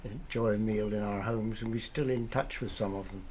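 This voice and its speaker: An older man, a retired harbour pilot, speaking in a measured, thoughtful way in a documentary interview. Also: fairly low pitch, fairly even intonation, a little mellow, slight background noise. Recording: music playing underneath.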